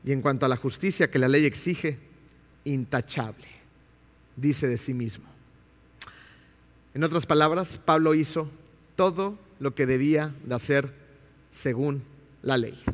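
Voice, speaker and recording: A man preaching a sermon in a church, emphatic and animated, often putting questions to the congregation. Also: mid-range voice, unhurried, long pauses. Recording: long reverb of a church hall.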